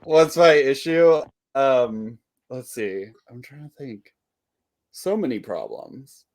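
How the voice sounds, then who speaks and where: A man's voice: mid-range voice, animated, slow pace, a little mellow. A man co-hosting a podcast, chatting casually in a rambling, self-deprecating way and laughing often. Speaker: podcast co-host. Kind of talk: casual chat.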